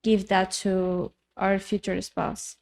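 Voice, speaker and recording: A woman's voice: mid-range voice, flat delivery, extremely slow, creaky, a little mellow. A woman working as a live interpreter, relaying a talk a passage at a time.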